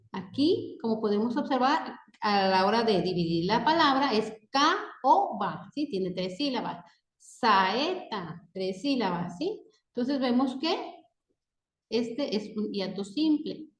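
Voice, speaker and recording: A woman teaching a grammar lesson. She reads example words one at a time and checks in with a rising "¿sí?" after each point. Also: a little high. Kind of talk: slow spoken grammar lesson. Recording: echoey room.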